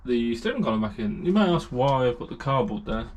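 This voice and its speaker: A man's voice: mid-range voice, very animated, fairly quick, a little mellow, lo-fi sound. Chatty British man in a hot garage. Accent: British English. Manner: chatty, rambling, lots of ums and so-yeahs. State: slightly out of breath from heat. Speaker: amateur race car builder. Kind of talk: casual workshop vlog narration.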